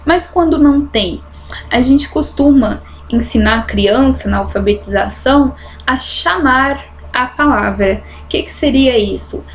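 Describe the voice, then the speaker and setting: Woman teaching a patient lesson. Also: high-pitched. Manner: explains patiently, stretches out example words slowly. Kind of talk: recorded online grammar lesson.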